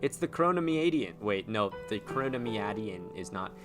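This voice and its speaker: A man streaming a horror game with excitable, jokey commentary and mock-scared outbursts. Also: fairly low pitch, normal speed. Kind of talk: lively gameplay commentary, reading game text aloud. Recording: music behind the voice. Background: game music.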